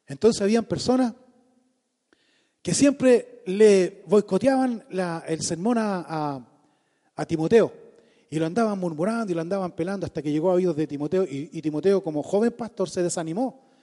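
A man's voice: sits high, normal speed, warm tone. A man with a Chilean accent preaching a sermon, using rhetorical questions and emphatic repetition. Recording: long hall reverb.

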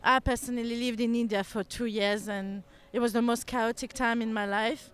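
A woman gives a street interview outdoors in a city, her voice smooth and clear. She speaks thoughtfully in a fairly high register and sometimes pauses to find the right words. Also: steady tone, fairly bright tone.

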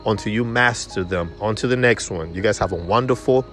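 A man's voice: on the low side, brisk, over music. A man giving a motivational sales lesson in an emphatic coaching manner. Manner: emphatic, acts out customer voices. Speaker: sales trainer.

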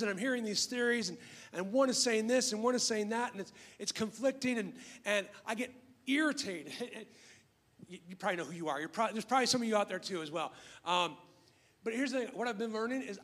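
A middle-aged male pastor with a notably high voice, preaching in a loose, conversational way. He stumbles into restarts and throws asides to the congregation as he goes. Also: a bit bright. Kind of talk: sermon.

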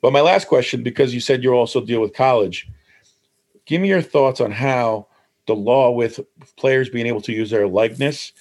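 A man hosts a casual podcast interview at a middling pitch. His talk is breezy and slangy, full of friendly asides to his guest and co-host. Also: moderate pace, darkish tone. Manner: breezy and slangy, calls people bro and man.

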